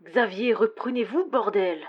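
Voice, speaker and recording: Woman doing a stern low guy on the phone, calm and clipped. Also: measured pace, breathy edge, lo-fi sound. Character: calm, curt stranger man on the phone.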